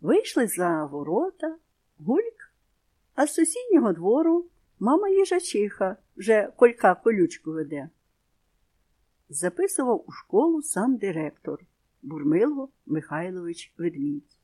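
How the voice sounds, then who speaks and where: Female storyteller, children's tale, animated lilting delivery. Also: mid-range voice, measured pace. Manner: expressive, lively storytelling.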